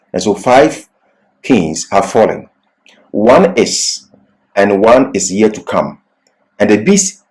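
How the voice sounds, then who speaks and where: Lecturing at a religious seminar, this man teaches a Bible class with emphatic, deliberate delivery, often pausing partway through sentences. The low-quality recording carries his fairly low, slightly mellow voice.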